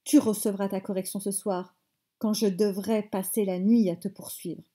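A woman's voice: medium pitch, fairly even intonation, normal speed, mellow, natural voice. A woman reading aloud voicing a mother who questions sharply and scolds insistently. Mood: angry. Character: alarmed then furious young mother, stern.

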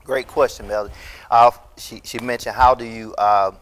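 A middle-aged man preaching a recorded sermon as pastor in an empty church hall, impassioned and emphatic, rising to loud peaks, on a lapel mic. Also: medium pitch, fairly even intonation, normal speed.

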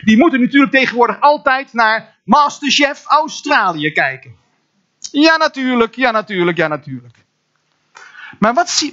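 A man with a Dutch accent preaching from a church pulpit, his high, bright voice swinging widely in pitch. He stumbles over repeated words and bursts into sudden exclamations. The recording sounds dull and lo-fi. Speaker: pastor. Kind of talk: sermon. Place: church hall.

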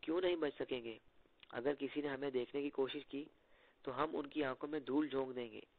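A man's voice: mid-range voice, moderate pace, close to an everyday voice. A man voicing a playful, joking young male secret agent who teases his companions, heard through tinny phone-like audio. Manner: playful, bantering.

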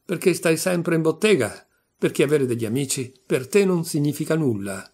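A man reading a story aloud, voicing a jealous, sharp-tongued middle-aged baker's wife who scolds shrilly. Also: medium pitch, lively intonation, moderate pace. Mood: scolding. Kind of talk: audiobook reading.

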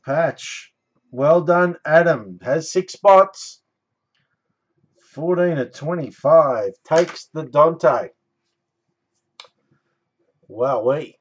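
A man's voice: fairly high pitch, extremely slow, pauses often, lo-fi sound. A man in his thirties hosting a live card break, calling out numbers and winners with catchphrases like a bingo caller. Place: small indoor room stacked with boxes.

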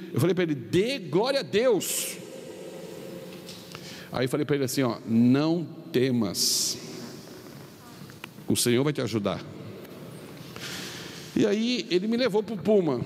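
Middle-aged Brazilian male preacher, fairly high voice, long arena reverb, storytelling sermon. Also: a little mellow. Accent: Brazilian Portuguese. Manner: tells anecdotes with quoted dialogue, pitch swings up and down. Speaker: pastor. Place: large arena. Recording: long reverb of a large arena, faint noise.

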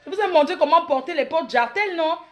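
Brash mocking woman with a high voice. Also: lively intonation, fast talker, faint music behind. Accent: Cameroonian French. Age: 30s. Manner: brash, mocking, boastful taunts at critics. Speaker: comedic vlogger. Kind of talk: satirical comedy monologue.

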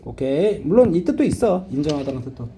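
A middle-aged male teacher lecturing a class with a high, lively voice that jumps up on every check-in question. His tone is dark and mellow, and he talks in a blunt, casual way. A faint hiss of noise sits under the recording. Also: quick pace, vocal fry. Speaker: English teacher.

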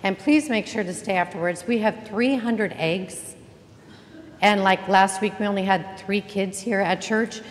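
An interim pastor, a woman with a mid-range voice and measured pace, delivers an Easter sermon in a church sanctuary, chatty and joking as she welcomes the congregation. The reverberant church hall recording has faint ambience.

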